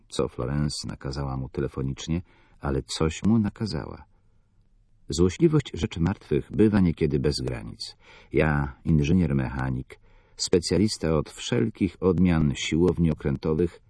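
A man narrating a novel in the first person, measured and somber. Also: a bass voice, mellow, slightly rough, no room sound. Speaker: audiobook narrator.

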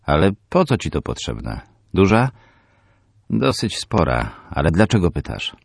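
A man's voice: low voice, sing-song, unhurried, creaky, no room sound, clean studio sound, pitched above the performer's own voice, full character voice. A man voicing a wary, loyal young village man who questions and then takes alarm.

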